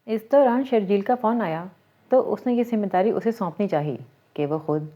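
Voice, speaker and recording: A woman narrating a romantic novel in a steady, even reading voice. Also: medium pitch. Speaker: storyteller. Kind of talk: scripted story narration. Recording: dull lo-fi recording.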